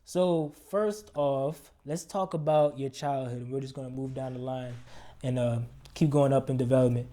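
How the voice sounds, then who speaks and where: A man's voice: mid-range voice, fairly even intonation, moderate pace, mellow. A man hosting a casual interview in a recording studio, asking easygoing, loose questions. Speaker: interview host.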